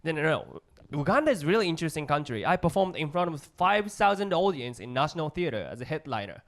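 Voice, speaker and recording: Animated Japanese-accented male stand-up comedian. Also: on the high side. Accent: strong Japanese. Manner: simple halting English, acts out short dialogues. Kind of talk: stand-up comedy routine before a live audience.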